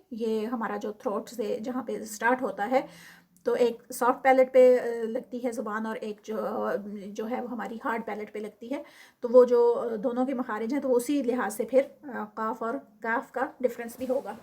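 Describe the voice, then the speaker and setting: A woman with a high voice teaches recitation rules in a patient, step-by-step way. She stops often to chant sample words slowly and stretched out, then goes back to explaining. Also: steady tone, a little mellow.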